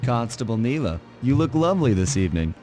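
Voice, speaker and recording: A man's voice: mid-range voice, sing-song, quick pace, over music, natural voice. Man playing Sly Cooper, suave raccoon thief. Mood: suave, flirtatious.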